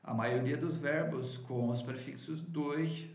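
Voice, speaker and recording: A man teaching a grammar lesson, explaining haltingly with many fillers and "right?" checks, and carefully pronouncing example words. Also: fairly high pitch, steady tone, a little mellow, roomy sound. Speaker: German teacher.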